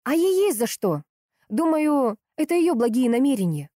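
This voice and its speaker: A woman reading an audiobook voices a sharp, angry young woman, loud and sarcastic, in a raised voice. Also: high-pitched, big pitch swings, moderate pace, no room sound, clean studio sound, pitched above the performer's own voice. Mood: mocking.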